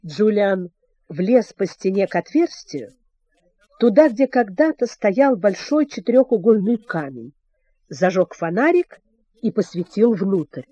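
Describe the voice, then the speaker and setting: Expressive woman storybook narrator, mellow, fairly high, very lively pitch. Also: measured pace, breathy edge, dry recording, dull audio. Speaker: audiobook narrator.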